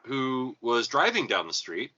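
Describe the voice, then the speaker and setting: A man's voice comes through thin and tinny with no bass at all, like a speakerphone across the room. His tone is very bright and sharp. He hosts a casual chat and tells a rambling story peppered with swearing. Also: very animated, unhurried. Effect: thin, tinny sound with no bass, like a speakerphone across the room. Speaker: podcast host.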